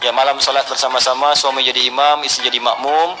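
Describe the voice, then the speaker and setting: A middle-aged man preaching and answering a question in a sermon, lively, acting out small everyday scenes. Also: mid-range voice, fast, music in the background, low-quality recording. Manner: lively, plays out little scenes, chuckles.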